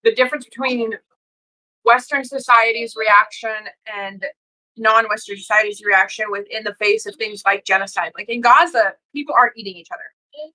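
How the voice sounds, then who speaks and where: Bright-voiced, emphatic woman podcast co-host. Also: on the high side, normal speed, low-quality recording. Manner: earnest, emphatic, rambling storytelling. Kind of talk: casual chat.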